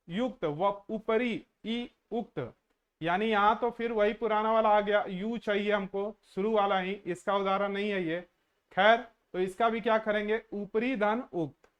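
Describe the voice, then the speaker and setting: A man teaching an exam-prep grammar lesson, slowly drawing out sounds and asking the viewer questions as he goes. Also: sits high, a bit bright, clean tone, highs cut off.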